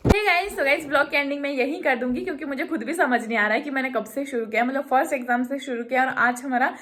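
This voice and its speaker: A woman's voice: sits high, fast, background noise. Chatty young woman vlogging at home. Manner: chatty, coaxing a toddler. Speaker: vlogger and mother. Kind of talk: casual home vlog. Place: at home and in a car.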